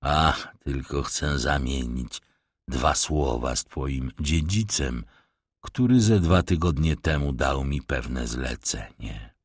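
A man voicing a sly, menacing old vagabond with a low mutter. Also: slow pace, husky, no room sound, clean studio sound, exaggerated voice. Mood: mocking. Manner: ironic, threatening undertone. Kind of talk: audiobook character voice.

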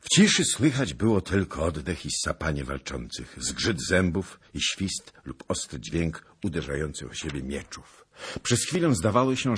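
A male audiobook narrator with a very deep, husky, breathy voice. His pitch moves in a lively way as he tells the story. The telling is solemn and dramatic. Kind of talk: scripted narration of a historical novel.

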